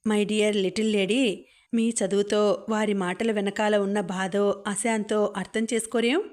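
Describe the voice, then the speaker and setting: A woman reading the lines of an affectionate, teasing young husband in an audiobook novel, in a playful, gently reasoning way. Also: medium pitch, little pitch movement, measured pace, natural voice. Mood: warm, teasing.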